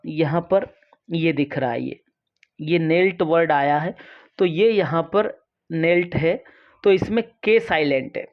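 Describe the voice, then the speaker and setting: Woman teacher, low voice, slow and patient, explaining a lesson, dull lo-fi recording. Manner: slow, patient, reads English lines then explains them.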